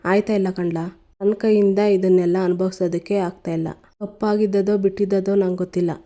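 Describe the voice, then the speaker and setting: A hopeless young man pouring out despair, as a woman narrator puts him on, in a mellow, flat voice. He sounds like a soap hero at the end of his rope. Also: medium pitch, a little fast, close to an everyday voice.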